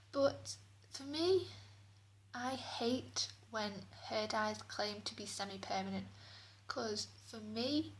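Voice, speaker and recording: A British beauty vlogger reviews a product casually, her medium-pitched, fairly bright voice echoing around an indoor bathroom. The recording picks up that echo along with clear background noise.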